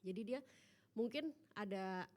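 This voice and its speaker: A woman's voice: medium pitch, measured pace. A pregnant woman in her thirties, a mother telling a seminar speaker about her daughter's tantrums and acting out the child's voice. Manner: animated, acts out her child's voice. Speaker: mother asking a question. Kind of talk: casual storytelling, code-switching.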